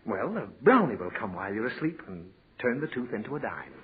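Here the actor uses a lowish, slightly rough voice, very animated and fairly quick, a full character performance. He plays a sentimental father in a 1940s radio comedy who gets flustered lecturing his naughty daughter, patient yet fussy. The old radio audio is tinny, with faint hiss.

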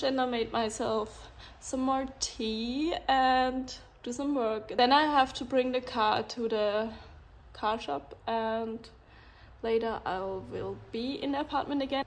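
A young woman with a sick, congested voice, chatting casually in a daily vlog and laughing often. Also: a little high. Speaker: vlogger.

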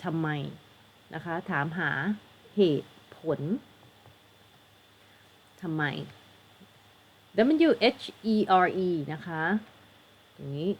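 A woman with a Thai accent, an English teacher tutoring for an exam, patiently explaining and spelling words out letter by letter. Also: lowish voice.

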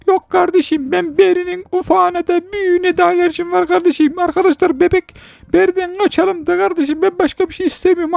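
Very high-pitched, gravelly woman gamer. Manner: excitable, joking banter with viewers, frequent exclamations. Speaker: gaming channel host. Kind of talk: let's-play game commentary.

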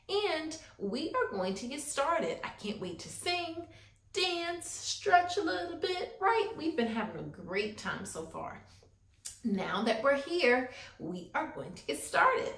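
Upbeat, high-pitched woman preschool teacher. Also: pushed and bright. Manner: earnest, upbeat schoolteacher delivery, sing-song, encouraging questions to children. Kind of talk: upbeat children's lesson to camera. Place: small room set up as a classroom, indoors. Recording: roomy indoor echo.

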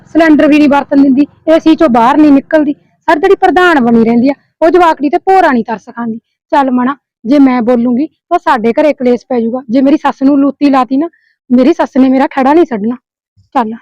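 A woman's voice: sits high, darkish tone, no echo, lightly acted. Woman doing gossipy neighbour lady, dry, lo-fi. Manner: gossiping, sympathetic.

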